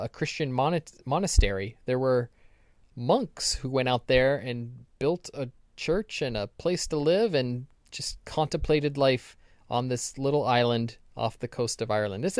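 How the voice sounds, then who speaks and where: A man's voice: medium pitch, dry recording, studio quality. A man co-hosting a podcast in casual chat, rambling through stories with ums and restarts. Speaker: podcast co-host.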